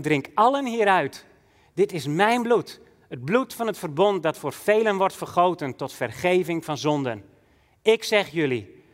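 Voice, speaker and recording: A male preacher with a high-pitched voice delivers a sermon. He swings from soaring, emphatic phrases to low, hushed ones. His voice rings with a long reverb, as in a large hall.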